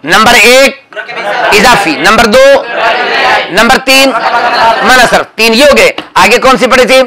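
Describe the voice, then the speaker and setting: A man teaching a classroom grammar lesson, drilling his students with rapid questions and calling out answers. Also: extremely high pitch, over a noisy crowd, poor audio. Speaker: religious teacher.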